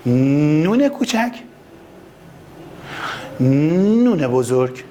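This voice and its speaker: A man teaching first graders to read, sounding out letters slowly and repeating each one, with sudden high, lively bursts when he calls out to the children. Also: slight background noise. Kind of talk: children's reading lesson.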